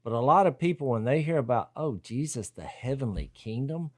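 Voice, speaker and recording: A man's voice: mid-range voice, animated, a little fast, no room sound. Man dramatizing quotes in dry close sound. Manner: thinks aloud, acts out quoted lines with sudden loud jumps. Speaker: podcast co-host. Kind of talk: casual Bible discussion.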